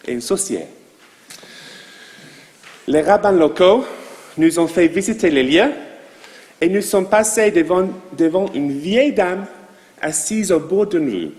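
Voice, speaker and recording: A man with a non-native accent in French, a rabbi giving a sermon to his congregation in a slow, measured way with asides to the listeners. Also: on the high side, darkish tone, in a large hall. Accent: foreign accent in French. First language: not French. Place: synagogue.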